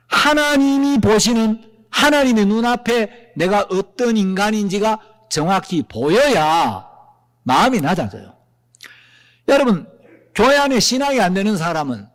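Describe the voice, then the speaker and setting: Animated pastor preaching in a reverberant hall. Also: male voice, high voice. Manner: animated, with rhetorical questions to the congregation. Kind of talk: sermon.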